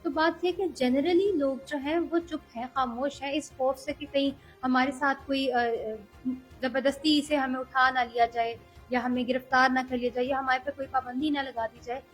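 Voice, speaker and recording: A young woman speaking earnestly as an interview guest, measured and hesitant at times. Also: sits high, steady tone, faint music behind, poor audio. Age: young adult. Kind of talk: political interview.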